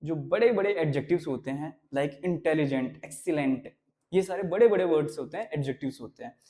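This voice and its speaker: A young man with a fairly high voice teaches a school grammar lesson. He explains each point step by step and keeps checking in with his students. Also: normal speed, dark tone.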